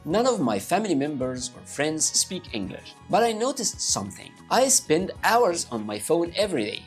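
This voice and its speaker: This Egyptian man, whose native language is Arabic and who has an Egyptian Arabic accent, addresses his viewers directly on camera with energetic, upbeat pointers for studying English. His voice is a little high and his speed normal, and soft music plays underneath.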